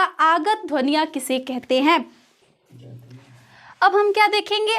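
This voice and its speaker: A woman with a very high voice teaches a grammar class. She walks through each point patiently and keeps posing questions that she then answers herself. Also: a bit bright. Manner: explains step by step, asks and answers her own questions. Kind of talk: Hindi grammar lesson.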